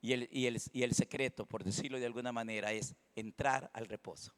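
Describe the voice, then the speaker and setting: A man preaching a passionate sermon, rising to loud cries and dropping to quiet murmurs. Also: steady tone, a little fast, clear, resonant tone. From Costa Rica. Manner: impassioned preaching, swinging between loud cries and low murmurs. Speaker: pastor. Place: church sanctuary. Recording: long reverb of a church hall.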